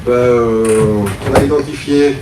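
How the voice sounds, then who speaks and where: A man from Mexico, a startup founder, giving a conference pitch talk and explaining his idea in a casual, thinking-aloud way. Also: steady tone, measured pace. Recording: roomy, distant mic, audible room noise.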